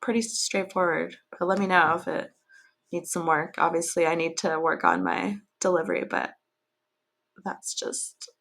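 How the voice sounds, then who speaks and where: A woman with a lowish, heavily gravelly voice chats casually about her writing before reading her own poem. Her delivery stays flat and level, with a self-deprecating, offhand manner. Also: normal speed. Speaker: podcast host and poet. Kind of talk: casual chat and poetry reading.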